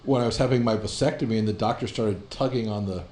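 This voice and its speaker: A man's voice: lowish voice, fast, darkish tone, echoey room. A man in a casual chat who throws in dry wisecracks. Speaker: podcast co-host.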